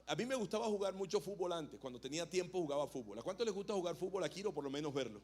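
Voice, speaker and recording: A man's voice: sits high, animated, racing, a little mellow. A male pastor preaching a sermon in a church, chatting and joking with the congregation between points. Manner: conversational, jokes with the congregation. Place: church hall.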